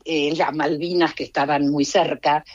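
Halting Argentine woman on a lo-fi line. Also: deep voice, flat delivery, dry recording. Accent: Argentine Spanish. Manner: hesitant, halting, many restarts. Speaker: guest living abroad.

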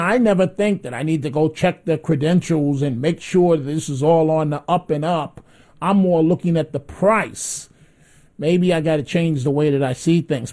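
A man's voice: fairly high pitch, darkish tone. A man hosting a call-in radio show, giving opinionated commentary and pressing callers impatiently.

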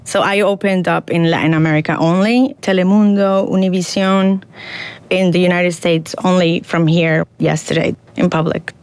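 A woman's voice: on the low side, fairly even intonation, moderate pace, clean tone, no echo. A woman speaking as an interview guest, giving a personal account with emphatic repetition.

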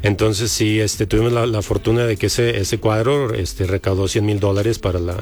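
A man's voice: fairly low pitch, fairly even intonation, moderate pace, a little mellow, soft background music. A man from Guadalajara with a Mexican accent, an artist guest on a radio show, earnest and stumbling over words. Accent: Mexican Spanish. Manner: hesitant, repeats words, earnest. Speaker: guest painter. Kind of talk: casual radio interview.

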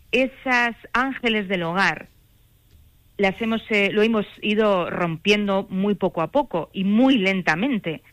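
A middle-aged woman from Spain, an author speaking as a guest in a radio phone interview, measured and earnest with some hesitations. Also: mid-range voice, a bit bright, dry recording.

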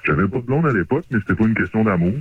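Man, voice-changer disguise, very deep, husky, hesitant, phone line. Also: animated, dry recording. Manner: hesitant, halting, many fillers. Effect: voice disguised, pitched down by a voice changer. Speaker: caller.

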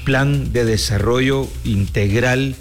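A man from Guatemala, a sports show host, telling a story in a measured, casual way with many restarts. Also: medium pitch, soft background music. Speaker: sports commentator. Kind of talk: casual talk show chat.

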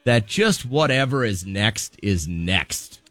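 A man in his fifties hosts morning radio with a lively, bouncing voice that swings up and down. He chats easily, laughs often and jokes at his own expense. His studio mic gives a close, dry sound. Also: on the low side, slow pace, dry recording. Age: 50s. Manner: chatty, laughs easily, self-deprecating. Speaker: radio morning show co-host. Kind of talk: casual radio banter. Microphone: studio microphone.

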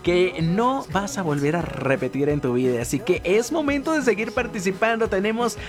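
A man's voice: high voice, lively intonation, moderate pace, music in the background. A man hosting a morning radio show with a Mexican Spanish accent, chatty and promotional. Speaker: radio host. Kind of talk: upbeat radio presenting.

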